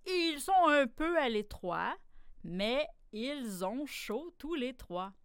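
A woman, hosting a podcast and telling a story for children in a slow, expressive read-aloud voice. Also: sits high, clean tone, no room sound, studio quality.

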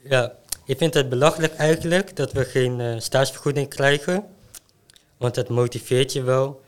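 A man's voice: mid-range voice, steady tone, normal speed. A young male student bluntly telling stories about his internship in a casual way. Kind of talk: casual storytelling.

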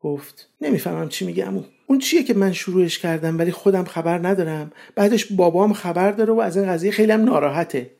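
A man reading a story aloud, changing his pitch for each character and dropping low for the narration, with faint music underneath. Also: animated, creaky, few pauses, mellow. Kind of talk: storybook reading with acted voices.

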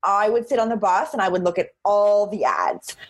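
An outgoing woman chats in an interview. Her voice has a husky edge, and she leans on repeated phrases to press her points. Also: mid-range voice, big pitch swings, moderate pace. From Cape Breton, Canada. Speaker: interview guest, social media marketer. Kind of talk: conversational interview.

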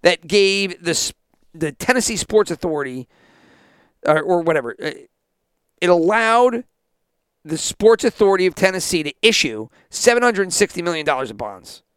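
A man's voice: high-pitched, sing-song, moderate pace, a bit bright, clean tone, no echo. Male podcast host, profane sarcastic ranter, resonant tone, dry room. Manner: indignant, swearing, sarcastic. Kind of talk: profane ranting sports podcast.

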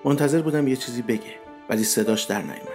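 A man narrating a first-person story at an unhurried, measured pace, with a wry edge to his telling. His voice sits at an ordinary middle pitch. Soft music runs faintly underneath.

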